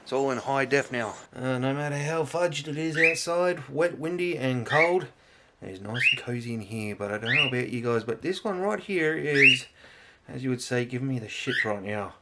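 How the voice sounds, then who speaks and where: A man's voice: mid-range voice, moderate pace, noisy background. A man vlogging in a chatty, rambling way, swearing casually as he talks to his viewers. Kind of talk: casual vlog chat to camera.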